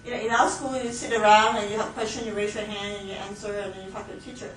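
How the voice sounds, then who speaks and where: Heard from far away in an echoey room with faint background noise, a Hong Kong woman who trains people for missions races through a class lecture. Her medium-pitched voice barely changes in pitch, and her talk is chatty, full of laughter, fillers, and restarts.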